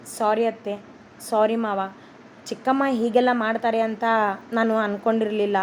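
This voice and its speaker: A woman voicing a calm, caring young husband who speaks gently and reassuringly in a read-aloud love story. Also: on the high side, normal speed, a little hiss or hum, lightly acted. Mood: apologetic.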